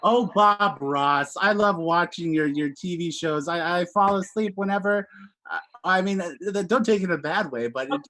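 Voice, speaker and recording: In an improv comedy sketch, a man plays a game show host running a dating-show segment over a home video call. He speaks hesitantly and haltingly with plenty of fillers, and his high voice comes across bright and forceful.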